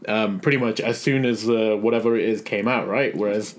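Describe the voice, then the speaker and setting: A man's voice: fairly low pitch, steady tone, a little fast. A young man, co-hosting a podcast in casual, joking chat and laughing often. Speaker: podcast co-host.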